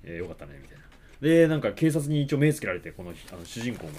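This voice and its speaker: Fast animated man retelling a movie. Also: medium pitch, slight background noise. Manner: animated retelling, acts out lines with voices. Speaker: podcast co-host. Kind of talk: casual movie chat.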